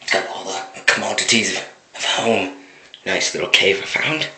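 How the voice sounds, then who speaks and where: Low, slow-spoken narrator for a spoof wildlife film, hushed and often whispering, mock-serious, on a noisy amateur recording. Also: steady tone. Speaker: narrator and filmer.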